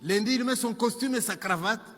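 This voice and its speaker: A man telling a joke as a lively story, with asides to his listeners. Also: sits high, a little fast. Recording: long hall reverb, faint music.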